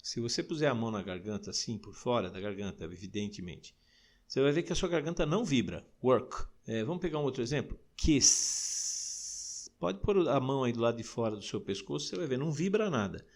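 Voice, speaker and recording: Gravelly Brazilian teacher, slow model words. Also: male voice, mid-range voice, animated, darkish tone. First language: Portuguese. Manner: explains patiently, slowing down to model English words. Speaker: English teacher. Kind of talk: recorded audio lesson.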